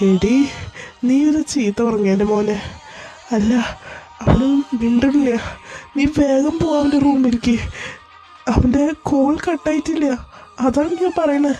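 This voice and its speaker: A woman's voice: high voice, unhurried, pauses often, warm tone, faint music behind. A woman voicing a worried, caring father in an amateur fan drama, speaking in an anxious, urging way. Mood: urgent.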